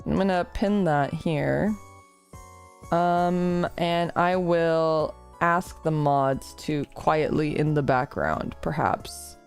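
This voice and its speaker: Soft background music plays as a woman streams live, chatting casually and reading out her chat. Her low voice is gravelly yet clear and resonant, and she speaks slowly. Slightly congested from a recent illness, she rambles in a self-deprecating way.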